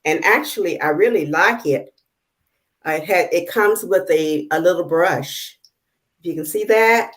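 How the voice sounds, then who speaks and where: A woman hosting a live makeup tutorial over a video call, talking in a halting way with many fillers while she works and checking that viewers can see. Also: on the low side. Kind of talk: casual live demonstration.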